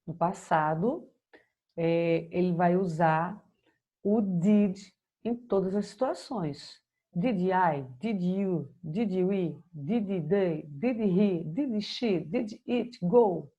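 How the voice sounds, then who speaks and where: Brazilian woman teacher, slow and mellow, patient, walks students through grammar step by step. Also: on the low side, husky, muffled recording. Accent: Brazilian Portuguese. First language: Portuguese. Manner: slow, patient explaining, checks in with "ok?". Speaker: English teacher. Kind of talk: recorded grammar lesson.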